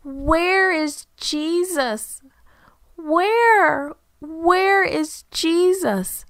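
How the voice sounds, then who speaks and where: A woman reads a sister in mourning, wailing high and slow with long, drawn-out words. The reading is close and dry, from a children's storybook. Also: a bit bright, dry recording, exaggerated voice. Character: weeping woman mourning her brother.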